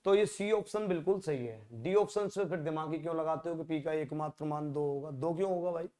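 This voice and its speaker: A man teaching exam-prep maths, his voice sitting a little high. He talks to the class conversationally, throwing out rhetorical questions and muttering quietly as he works through the sums. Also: fairly quick. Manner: conversational, rhetorical questions, drops to a low mutter when working.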